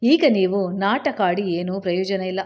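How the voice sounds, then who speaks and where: A woman's voice: medium pitch, level tone, moderate pace, mellow, lightly acted. A woman voicing an angry, betrayed young wife who accuses her husband in a raised voice. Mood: accusing.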